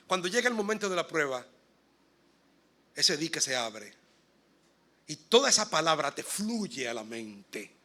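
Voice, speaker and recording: A man, a pastor, preaching a sermon to his congregation. He swings from soft asides to loud, emphatic bursts and puts questions straight to the listeners. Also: high voice. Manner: addresses the congregation directly with questions. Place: church sanctuary.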